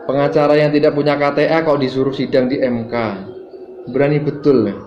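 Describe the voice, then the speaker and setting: A man hosting a political commentary video, explaining calmly and addressing his viewers as friends. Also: mid-range voice, brisk, slight background noise. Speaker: host commenting on viewer clips. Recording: roomy, dull sound with music behind.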